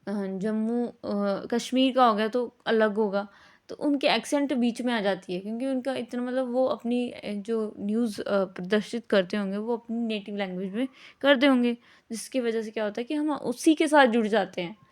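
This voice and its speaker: A teacher with a slightly high voice talks at normal speed, explaining a lesson informally. She blends English words into her speech and regularly tosses in short tag questions to confirm understanding.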